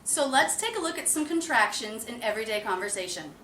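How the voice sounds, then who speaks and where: A woman's voice: a little high, big pitch swings, a little fast, bright, forceful tone. A woman pronunciation teacher narrating a recorded lesson, drilling sounds by repeating them. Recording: roomy and distant with faint noise.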